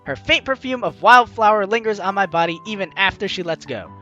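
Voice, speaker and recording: Over game music, a gaming video host with a bright, forceful male voice runs a let's play. He reads the story text aloud, then bursts into jokey, exclamatory asides, his pitch jumping theatrically. The delivery is animated and brisk, and the recording's high frequencies are cut off.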